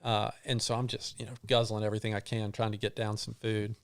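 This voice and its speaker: A middle-aged man, a guest on an interview show, telling a long personal story in a halting way, with many restarts and fillers. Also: on the low side, little pitch movement, clean tone. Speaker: guest runner.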